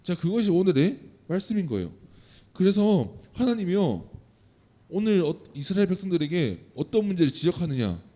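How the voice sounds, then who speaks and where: Warm, dark-voiced man preaching to children. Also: high-pitched, big pitch swings, moderate pace. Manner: asks the children questions and answers them himself; acts out quoted lines of God and the people. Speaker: children's pastor. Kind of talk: children's sermon.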